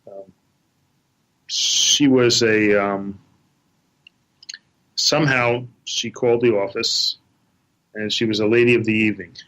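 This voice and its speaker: A man's voice: fairly low pitch, steady tone, slow, pauses often, a bit bright, low-quality recording. A man speaking as an accountant guest on a podcast, hesitant and full of fillers. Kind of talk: casual interview chat.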